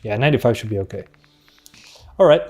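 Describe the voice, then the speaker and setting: A man's voice: mid-range voice, quick pace. Easygoing man streaming a shooter. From Uruguay. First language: Spanish. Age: 20s. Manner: relaxed, chatty, answers chat between fights. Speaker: tech streamer. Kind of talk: casual live-stream commentary while gaming. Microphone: desktop USB microphone. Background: faint game gunfire.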